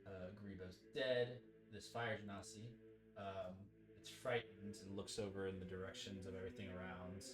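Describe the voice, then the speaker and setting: A man's voice: low voice, level tone, normal speed, background noise. A man acting as game master, narrating combat in a casual way that often breaks into laughter. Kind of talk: running a tabletop game session.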